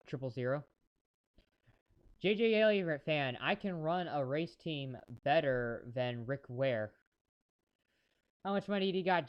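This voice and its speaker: A man's voice: fairly high pitch, smooth, highs cut off. Chatty man streaming race commentary. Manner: chatty, rambling, talks to chat viewers. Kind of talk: casual live-stream commentary.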